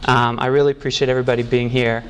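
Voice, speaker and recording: A man giving personal testimony at a recovery meeting, halting and reflective, moved close to tears. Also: medium pitch, level tone, clean tone. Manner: halting and reflective, with pauses and restarts.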